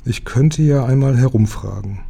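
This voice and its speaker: A man's voice: mid-range voice, moderate pace, creaky, dark tone, breathy edge, pitched above the performer's own voice. A man voicing an eager, lisping little sea princess in a read-aloud storybook. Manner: eager, pleading.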